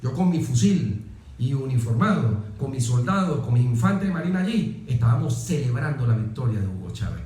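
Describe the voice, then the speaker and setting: With big swings in his medium-pitched, dark-toned voice, a middle-aged Venezuelan officer talks briskly as an interview guest. He tells personal stories with emphasis, often repeating phrases, in a conversational style. The room sounds very echoey.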